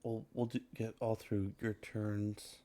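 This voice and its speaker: A man at a tabletop game, speaking in a halting, hesitant way. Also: lowish voice, level tone, warm tone. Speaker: player. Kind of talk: casual tabletop game play.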